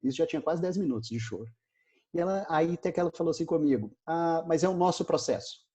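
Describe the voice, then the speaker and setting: A Brazilian man giving a virtual business talk, speaking in a mellow, slightly husky voice. He tells his story with animation and acts out the lines of each person in it. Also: on the high side, fast talker. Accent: Brazilian Portuguese.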